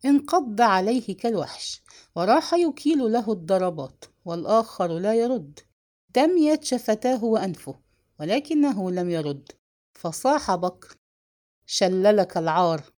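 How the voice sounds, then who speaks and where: Expressive woman narrating a novel. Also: mid-range voice, normal speed. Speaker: audiobook narrator.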